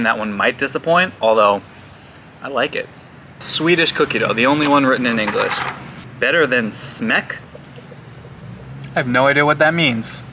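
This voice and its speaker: A young man talks through a food review outdoors in a chatty, self-deprecating way, tripping over unfamiliar names. His voice is bright and a little tense, sitting at a middle pitch for a man. Faint outdoor noise sits behind him. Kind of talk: casual vlog review.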